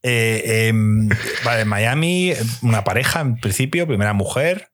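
A man's voice: mid-range voice, lively intonation, a bit bright. A man with a Spain Spanish accent, arguing back with examples as a podcast co-host in heated casual chat. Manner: argumentative, quick to counter with examples.

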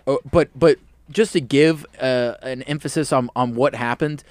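A man's voice: medium pitch, moderate pace, dry recording. A man hosting a sports talk show, cutting in with prompts and questions.

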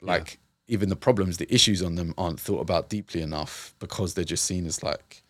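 A man's voice: deep voice, fairly quick, breathy edge, no echo, studio quality. A man working with young people, speaking reflectively in an interview with many fillers and restarts. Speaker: youth and community worker, guest. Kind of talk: conversational interview.

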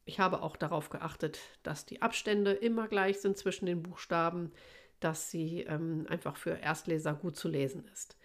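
A woman's voice: fairly low pitch, fairly even intonation, normal speed. A woman, a children's author, hosting a casual podcast and thinking aloud with small fillers. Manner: thoughtful, with fillers.

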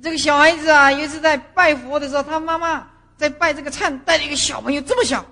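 Woman Buddhist master giving a doctrinal lecture, high and animated delivery, long hall reverb. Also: fast talker. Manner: animated storyteller who acts out scenes. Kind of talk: doctrinal lecture with personal stories.

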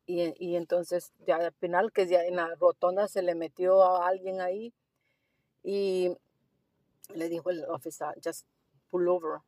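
A woman recounts a story from her work as a driving instructor in a relaxed interview. She talks with lively animation and slides English phrases into her Spanish. The sound is close and dry. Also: fairly low pitch, unhurried, dry recording.

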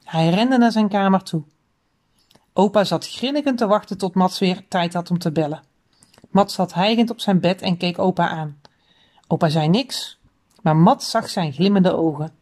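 A woman reading a children's book aloud, chapter by chapter, in an expressive storytelling voice. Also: fairly low pitch, normal speed.

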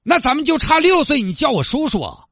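A man's voice: high voice, wildly swooping pitch, fast, pushed and bright, dry recording, clean studio sound, soft background music, pitched above the performer's own voice, full character voice. A man voicing an indignant young male car owner, scolding and exasperated.

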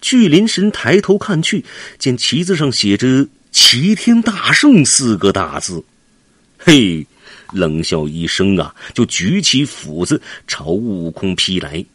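Man, storyteller, lively swings in pitch, dry close sound, dramatic children's narration. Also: a little slow, hardly any pauses, slightly rough, no echo. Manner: animated, dramatic, vivid.

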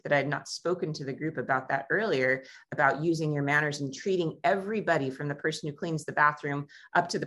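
An American woman who hosts a travel talk show, telling a story and acting out the voices in it. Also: sits low. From United States. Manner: animated, acts out quoted voices. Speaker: travel show host and tour guide. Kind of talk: casual conversational storytelling.

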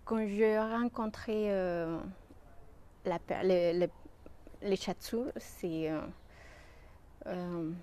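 A woman from Mexico speaking French with a Mexican Spanish accent, a shiatsu practitioner answering interview questions with many pauses and restarts. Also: medium pitch, mellow, smooth. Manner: hesitant, many fillers and restarts.

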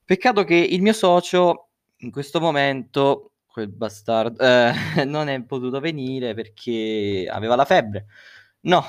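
A man's voice: medium pitch, no echo, studio quality. A young man hosting a casual, humorous solo podcast, rambling and correcting himself as he talks through a face mask. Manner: rambling, self-correcting, uses swear words. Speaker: podcast host. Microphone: close podcast microphone, dry sound.

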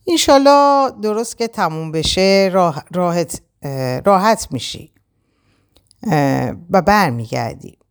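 A woman's voice: lowish voice, animated, clean tone, pitched above the performer's own voice. A woman reading the lines of a reproachful, blunt young man in a storybook. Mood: even. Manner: reproachful, firm.

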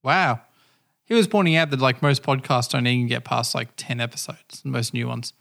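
Australian man, podcast co-host, gravelly voice, casual banter, laughs a lot, swears freely. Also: medium pitch, fairly even intonation, moderate pace, fairly bright tone. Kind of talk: casual chat.

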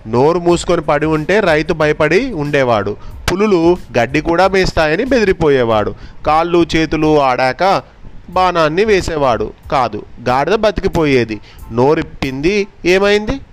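A man reading a fable aloud in a slow, deliberate storytelling manner, then explaining its lesson to a child. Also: on the high side, animated, soft background music.

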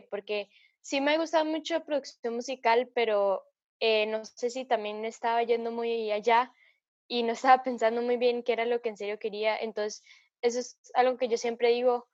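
A woman's voice: fairly high pitch, darkish tone, no echo. A teenage girl, a student guest talking reflectively and hesitantly in a casual podcast conversation. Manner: reflective, hesitant, many fillers like "como" and "entonces". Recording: dull lo-fi dry sound.

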